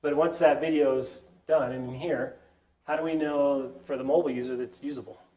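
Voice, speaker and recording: A man's voice: medium pitch, fairly even intonation, brisk, dark tone. Nasal man with a head cold. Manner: chatty, keeps asking the audience "right?". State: stuffy nose from a sinus cold. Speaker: presenter at a tech user group meetup. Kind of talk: casual whiteboard tech talk.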